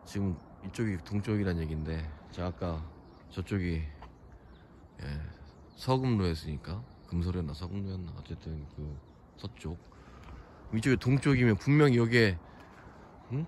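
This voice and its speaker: Deep-voiced man rambling outdoors. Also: darkish tone, a little hiss or hum. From Chungcheong region, South Korea. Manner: rambling, opinionated, many fillers. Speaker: vlogger touring a historic fortress. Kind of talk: casual walking commentary. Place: outdoors at a hilltop fortress.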